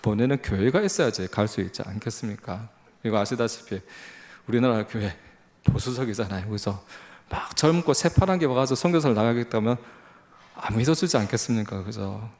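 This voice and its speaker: A man's voice: on the low side, animated, brisk, darkish tone. A man in his forties with a Busan accent, a lay missionary preaching in church, telling his story in a folksy, self-deprecating way with many fillers and restarts. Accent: Gyeongsang (Busan). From Busan, South Korea. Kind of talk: sermon, conversational testimony. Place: church sanctuary.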